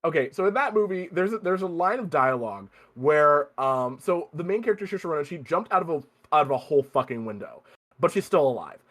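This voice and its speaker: A man hosting a podcast, chatting casually about a movie, animated, swearing freely and laughing often. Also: a little high, fairly quick. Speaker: podcast host. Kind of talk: casual movie review chat.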